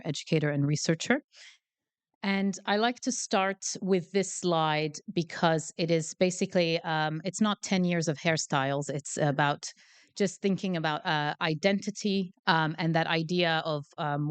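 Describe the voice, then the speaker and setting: This guest lecturer from Canada has a deep, clear, resonant voice. Speaking into a handheld mic to a live audience in a lecture hall, she gives an academic talk that is chatty, self-deprecating and heavy on fillers.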